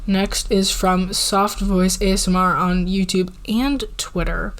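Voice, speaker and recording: An eighteen-year-old woman chatting casually as an ASMR creator answering viewer questions, soft-spoken and relaxed, filling her sentences with "like" and sometimes slipping into a whisper. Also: mid-range voice, takes it slowly. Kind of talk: casual Q&A chat.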